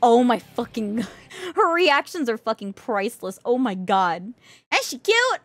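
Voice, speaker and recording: A woman reacting on a livestream as a cute anime streamer, excitable and exclamatory, often swearing. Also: fairly high pitch, unhurried. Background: music and played video clips.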